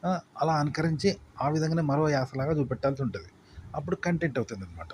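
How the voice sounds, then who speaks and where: Fast-talking man teaching. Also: a little high, lively intonation, darkish tone, slight background noise. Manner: rambling, repetitive explaining with fillers. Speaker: content creation teacher. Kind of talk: casual spoken lesson.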